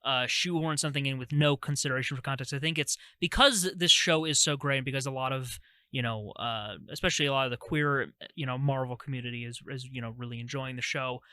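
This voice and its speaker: A man's voice: medium pitch, quick pace, pushed and bright, dry recording. A man co-hosting a casual podcast, stammering and restarting, laughing easily. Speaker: podcast co-host. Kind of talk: casual chat.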